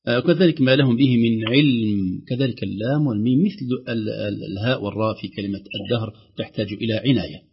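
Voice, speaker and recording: A man teaching Quran recitation rules on a call-in show, explaining each rule and then reciting the examples slowly and drawn out. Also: mid-range voice, breathy edge. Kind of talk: tajweed lesson on a call-in show. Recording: dull lo-fi broadcast sound.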